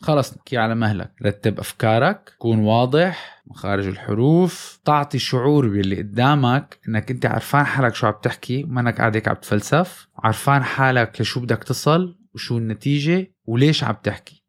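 Fast-talking man with a Levantine accent. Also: mid-range voice. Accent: Levantine Arabic. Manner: energetic, addresses viewers directly, with self-corrections. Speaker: vlogger. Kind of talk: casual motivational talk to camera.

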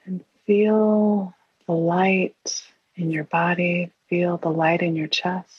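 A woman leading a guided meditation in an airy, breathy, soothing and hushed voice, leaving long pauses. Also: lowish voice, level tone. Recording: roomy, dull lo-fi sound.

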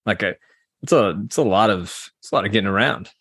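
A man's voice: lowish voice, fast talker, fairly bright tone, breathy edge. A man hosting a casual podcast with childhood friends, joking and laughing often. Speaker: podcast host. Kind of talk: casual chat among friends.

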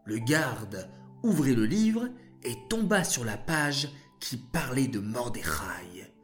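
A man narrating a story to children in a slow, expressive way. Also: mid-range voice. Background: faint music.

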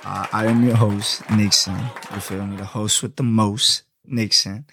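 A man's voice: lowish voice, little pitch movement, a little slow, noisy background. A young man from Florida with a Florida accent, hosting a solo podcast in laid-back, slangy talk. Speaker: podcast host.

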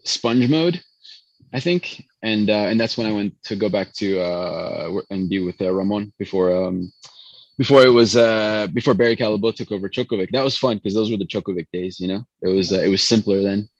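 In a casual interview, a man with a lowish voice, Chicago-born, Venezuela-raised and a native Spanish speaker, recounts meandering stories from his life as a pastry chef. He talks a little fast, full of restarts, and the dry recording sounds muffled.

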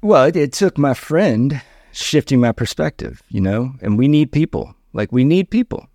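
A man's voice: mid-range voice, expressive, normal speed, dark tone, dry recording, clean studio sound. A middle-aged man, a podcast guest, casually telling a personal story and acting out the voices of the people in it. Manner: conversational, acts out quoted voices.

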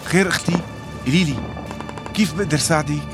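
In a lightly acted radio drama, a male actor plays a determined civil defense rescuer from Madaya in the Damascus countryside, speaking with a Syrian accent. His a-little-high voice moves fast, earnest and coaxing, with heavy sighs, portraying a warm, protective, stubbornly hopeful character over a music bed.

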